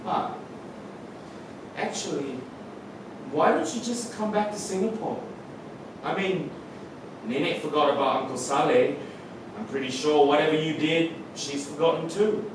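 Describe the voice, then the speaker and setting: This staged reading features an actor as Adam, an anxious young man joking with and worrying about his mother, his wry teasing eventually breaking into alarmed shouts. His voice sits on the high side, unhurried, with frequent pauses and light acting. Sound comes from a far camera with no visible mic, noisy and echoing in the hall.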